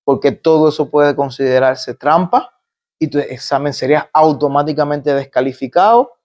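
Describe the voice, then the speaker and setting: A migrant doctor from Cuba, speaking with a Cuban Spanish accent, is interviewed and explains things step by step with examples, often restarting his phrases. His voice is a little high and darkish, at a moderate pace.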